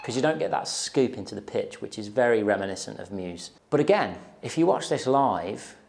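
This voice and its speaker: Lowish and somewhat dark in tone, this man's voice has lively intonation, vocal fry, and a moderate pace. He's a guitar teacher in his thirties giving an informal on-camera tutorial from a small, plain room, checking in with the listener often, miked with a lapel mic.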